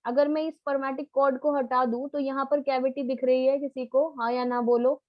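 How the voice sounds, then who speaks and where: A woman's voice: sits high, level tone, normal speed, dry recording, highs cut off. A woman biology teacher giving a live online lecture, coaxing answers out of her students in a familiar, quizzing way.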